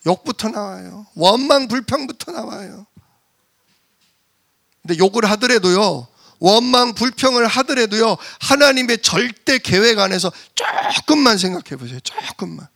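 Gravelly high-voiced male preacher. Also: lively intonation, normal speed, pushed and bright. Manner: emphatic, rhetorical questions and repetition. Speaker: pastor. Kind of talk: sermon.

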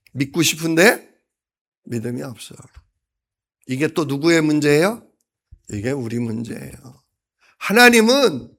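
A male pastor preaching a sermon, acting out quoted lines with sudden loud outbursts and then dropping to a soft voice. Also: fairly high pitch, creaky. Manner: dramatic, acts out quotes with sudden loud bursts.

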